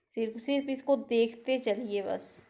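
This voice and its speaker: A woman teacher going slowly through word lists in an exam-prep lesson, pointing out common spelling mistakes. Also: a little high, mellow. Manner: slow, reads out word lists and corrects common misspellings.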